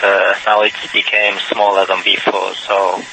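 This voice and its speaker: Slow, halting astronaut man on noisy radio. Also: sits low, completely flat delivery, vocal fry. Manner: halting, pausing mid-sentence. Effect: space radio link. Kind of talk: procedural radio report. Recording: noisy space-to-ground radio.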